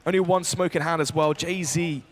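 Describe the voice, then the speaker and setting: A man's voice: on the high side, steady tone, normal speed. A man commentating analytically as an esports caster, explaining tactics in dense game jargon. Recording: gunfire and clicks over the voice. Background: video game gunfire and clicks.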